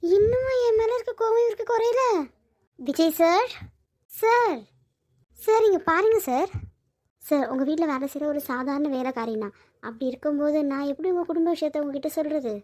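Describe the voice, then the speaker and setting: A woman doing Vadivu, a feisty squeaky maid. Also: lively intonation, moderate pace, darkish tone. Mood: chatty. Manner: scolding, pleading, then panicky. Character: feisty young woman housemaid, bold and quick-tempered. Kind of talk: cartoon voice acting.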